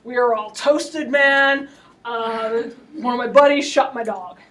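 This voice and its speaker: A woman's voice: on the high side, a little slow, a bit bright, roomy sound, distant mic, pitched below the performer's own voice. Woman doing a babbling panicky young nobleman. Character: panicked young male nobleman, slangy and evasive.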